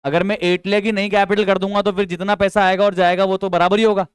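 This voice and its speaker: Young male teacher with a high, smooth voice. Chatty coaching tone that keeps drilling students with questions, recorded close and dry. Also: little pitch movement, quick pace, no echo. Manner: chatty, coaxing, quizzes students with repeated questions; mixes English terms into speech. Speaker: accountancy teacher. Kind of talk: classroom lecture.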